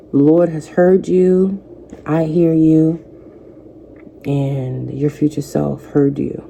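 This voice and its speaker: A woman in her thirties, a vlogger, speaking softly and reflectively to camera, offering faith-based encouragement. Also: low-pitched, a little hiss or hum. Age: 30s. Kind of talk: personal talk to camera.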